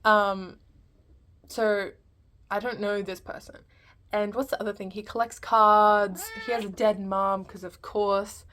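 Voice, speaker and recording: A woman's voice: medium pitch, flat delivery, a little slow, a bit bright. Casual woman reviewer, rambling and thinking aloud. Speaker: film reviewer. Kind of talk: casual unscripted movie review.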